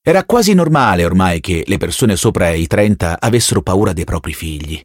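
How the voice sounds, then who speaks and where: A man narrates a novel in a low voice with measured, expressive storytelling. His pitch moves in a lively way, and the recording sounds close and dry with no room echo. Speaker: audiobook narrator. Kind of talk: scripted narration.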